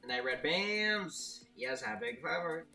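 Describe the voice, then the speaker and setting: A man's voice: high-pitched, lively intonation, a little slow, vocal fry, pushed and bright, distant mic, faint music behind. A man streaming a game and chatting with his viewers, who stammers and restarts his sentences often. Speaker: streamer, level maker. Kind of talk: casual live-stream chat, reading viewer chat.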